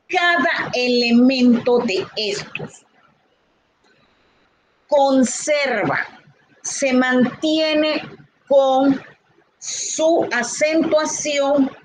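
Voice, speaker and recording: Woman teacher, fairly high voice, very slow and careful, faint hiss behind her. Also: rough recording. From Dominican Republic. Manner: slow, deliberate, repeats key points. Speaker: Spanish teacher. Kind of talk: recorded grammar lesson.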